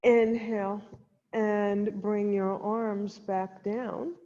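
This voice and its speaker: A female instructor leads a guided chair yoga class, offering gentle step-by-step cues with pauses in a flat, medium-pitched voice. The recording sounds dull and muffled, echoing through a hall with long reverb.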